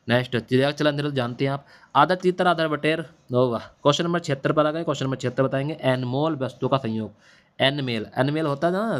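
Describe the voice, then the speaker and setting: Guy teaching exam prep, keeps repeating answers n asking them back, faint hiss behind. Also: mid-range voice. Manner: repetitive, drilling answers with quiz-back questions. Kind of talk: exam-prep Hindi lesson. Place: classroom or home studio at night. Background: faint hiss of a machine running nearby.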